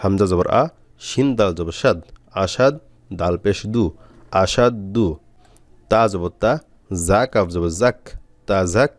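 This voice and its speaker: A man teaching Quran reading, spelling out letters and syllables slowly with frequent pauses. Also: lowish voice, dry recording. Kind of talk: step-by-step spelling lesson.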